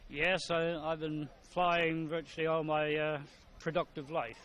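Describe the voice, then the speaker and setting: An older man speaks as an interviewee in a casual, measured way. His voice sits a little high, and he feels his way through answers hesitantly. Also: level tone, fairly bright tone, slight background noise. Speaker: interviewee, pilot.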